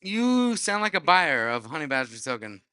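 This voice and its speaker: American-born male heckler; lively swooping delivery, bright tone, crude blurts. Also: on the high side, normal speed, smooth, dry recording. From United States.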